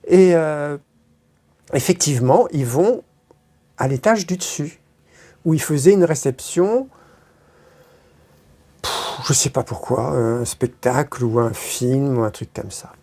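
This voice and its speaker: Gravelly, rambling woman telling stories. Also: a bass voice, animated, slow pace, pauses often, mellow. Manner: rambling, many hesitations, crude slang. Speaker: interviewee. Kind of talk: casual storytelling.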